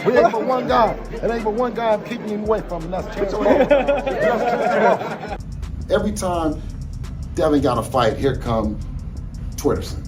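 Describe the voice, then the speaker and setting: A man's voice: sits high, expressive, measured pace, pauses often. A man joking and mocking someone at a live event, laughing as he talks. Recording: distant mic with crowd and music.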